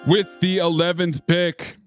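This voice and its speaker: A man's voice: high-pitched, flat delivery, unhurried, over music. A man reading out draft picks in a formal mock announcer delivery.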